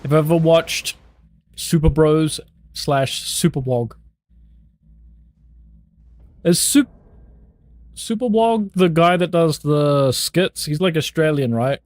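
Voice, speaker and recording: A man's voice: a little high, takes it slowly, long pauses, no echo. A young man with a New Zealand accent chatting casually with his viewers, loose and jokey, swearing freely and laughing often. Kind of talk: casual chat.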